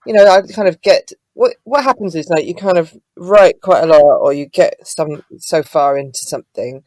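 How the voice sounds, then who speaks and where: A woman's voice: low-pitched, moderate pace, no echo. A woman, a singer-songwriter guest, chatting casually in an interview and telling stories with many fillers. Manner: chatty, warm storytelling with frequent fillers.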